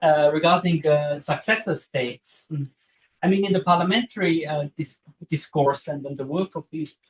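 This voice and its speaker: A man's voice: on the high side, moderate pace, poor audio. A man answering questions after an academic talk, hesitant, with many fillers and restarts. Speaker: seminar speaker answering questions.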